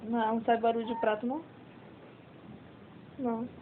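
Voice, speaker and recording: High-voiced woman cooing at her dog. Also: flat delivery, moderate pace. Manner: coaxing baby talk to a pet, mixed with blunt swearing. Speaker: dog owner filming at home. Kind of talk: casual home video. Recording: tinny lo-fi home recording with faint hiss.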